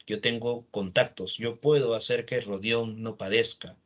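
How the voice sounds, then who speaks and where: A man's voice: on the low side, a bit bright. A man teaching literature, retelling a novel's plot and quoting the characters' lines, often adding a questioning tag.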